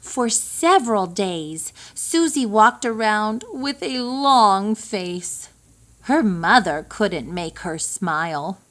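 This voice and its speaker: Her mid-range voice carries a children's picture book aloud, paced deliberately and full of expression for a young audience.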